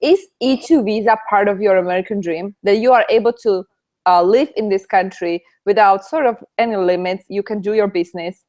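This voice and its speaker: A woman's voice: mid-range voice, fairly quick, darkish tone. A woman from Slovakia with a Slovak accent, hosting a casual interview and asking long, leading questions full of "like". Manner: talkative, leading questions with many likes. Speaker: interview host.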